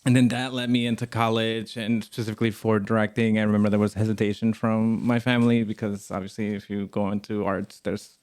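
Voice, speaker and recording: Young guy from guatemala on a podcast, lowish voice, smooth and clear, easygoing with lots of uhs. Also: a little fast. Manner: relaxed, earnest storyteller with many "uh" fillers. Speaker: podcast guest, network assistant. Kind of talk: casual interview chat.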